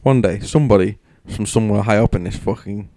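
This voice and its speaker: Low, mellow-voiced man swearing in banter. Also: fast talker, a little hiss or hum. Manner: swears constantly, hesitant restarts. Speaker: podcast co-host. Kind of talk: casual crude banter.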